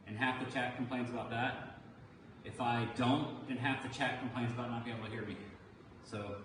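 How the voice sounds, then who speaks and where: A man's voice: medium pitch, steady tone, a little fast. A man hosting a live storm stream, talking casually as he gives commentary on the conditions. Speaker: storm chaser livestream host. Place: on location on a Caribbean island before hurricane. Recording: distant mic, echoey, noisy ambience. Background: clear outdoor ambient noise.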